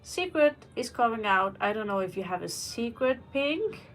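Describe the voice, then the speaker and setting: A Norwegian tarot reader with a fairly high, lively voice does a live reading at a normal pace, rambling and dropping personal asides between cards. She reads out viewer questions too, and the low-quality recording carries faint background music.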